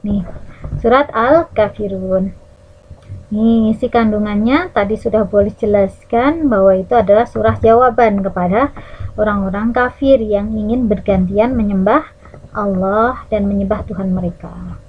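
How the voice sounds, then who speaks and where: A woman teacher with an Indonesian accent explaining Quran recitation rules to children, drawing out Arabic words slowly as she demonstrates them and checking in with her class. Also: mid-range voice, dull audio, slight background noise. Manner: lively teacherly, checks in with "ya" and "nah".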